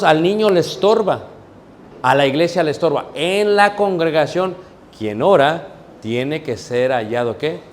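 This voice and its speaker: A man preaches a sermon class in a fairly high voice, lively and full of questions to the congregation. A faint hum of noise sits behind him.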